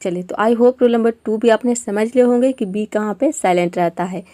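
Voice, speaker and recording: A woman's voice: mid-range voice, moderate pace, dark tone, no echo. A woman from India teaching an online lesson, explaining patiently step by step and mixing English words into her Hindi.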